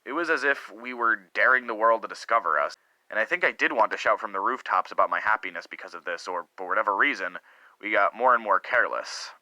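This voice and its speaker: In a melodramatic story reading, a man plays a middle-aged husband confessing a torrid affair, sounding obsessed and confessional. His low voice is strikingly sharp and forceful, and he performs earnestly and expressively, using dramatic pauses and swells. The recording has no echo but is low in quality.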